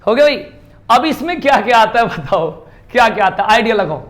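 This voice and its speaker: High-pitched man teaching a classroom lesson. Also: fairly quick. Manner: lively, repeats sounds aloud and drills students; calls students "bhai" often. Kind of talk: classroom lecture.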